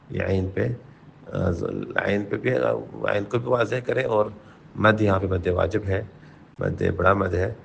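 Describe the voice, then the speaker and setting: A man teaching Quran recitation rules, explaining briskly and then chanting verses slowly. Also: on the low side, vocal fry, fairly bright tone, dull audio, a little hiss or hum. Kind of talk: tajweed lesson with chanted recitation.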